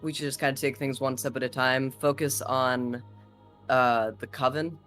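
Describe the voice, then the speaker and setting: A man's voice: medium pitch, steady tone, normal speed, fairly bright tone, faint music behind. A man playing a tabletop role-playing game, reasoning casually and cautiously in character.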